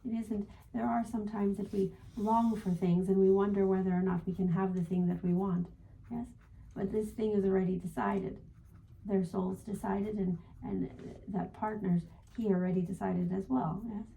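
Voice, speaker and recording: A woman channeling a gentle male spirit guide as a seance medium, speaking formally and ending phrases with a questioning "yes?". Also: medium pitch, little pitch movement, normal speed, vocal fry, close to an everyday voice, rough recording. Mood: gentle, assured. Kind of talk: spiritual guidance in trance channeling session.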